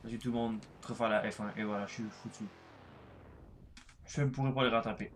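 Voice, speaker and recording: A man's voice: on the low side, fairly even intonation, brisk, slight background noise. Rambling gamer guy. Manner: rambling, many fillers, crude swearing. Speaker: gaming youtuber. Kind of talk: casual gameplay commentary.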